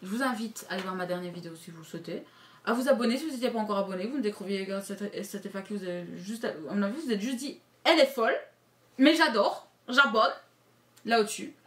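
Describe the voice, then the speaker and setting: A woman vlogger chats openly to her viewers, with blunt, crude wording and lots of restarts. She swings from loud, excited remarks to quick muttered asides, in a voice of ordinary height. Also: medium pitch. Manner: chatty, candid and crude, with many restarts; playful, jumping between loud and mumbled asides. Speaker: YouTuber. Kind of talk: casual vlog chat to camera.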